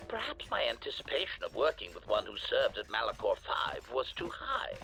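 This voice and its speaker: A man's voice: medium pitch, wildly swooping pitch, moderate pace, gravelly, pushed and bright, heavily acted, poor audio. A man voicing a cold, sardonic male assassin droid in a video game, heard through a metallic robot filter, speaking formally and labelling each sentence before he says it. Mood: irritated. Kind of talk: video game character dialogue. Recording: game audio with background music. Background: game music.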